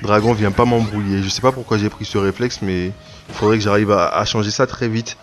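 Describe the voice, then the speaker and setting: Guy commentating his own fight game matches, rambly and restarts a lot, gets hyped out of nowhere, game music loud behind him. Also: on the low side, fairly quick. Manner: rambling play-by-play with frequent restarts and sudden excited outbursts. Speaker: gaming video creator. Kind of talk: casual gameplay commentary.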